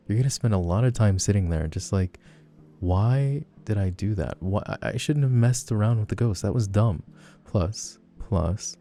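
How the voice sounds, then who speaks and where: Man playing a teasing, gravelly low-voiced flirty guy. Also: dark tone, close to an everyday voice. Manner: teasing, playful, rambling. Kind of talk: flirty personal-attention role-play, casual chat.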